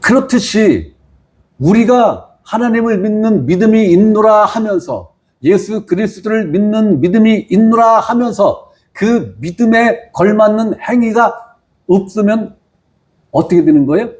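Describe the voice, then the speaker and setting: Korean pastor, mellow low-key sermon voice. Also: male voice, expressive. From maternal family from the Jeolla region. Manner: asks the congregation questions and repeats phrases; reads scripture slowly and lower. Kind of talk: sermon with scripture reading.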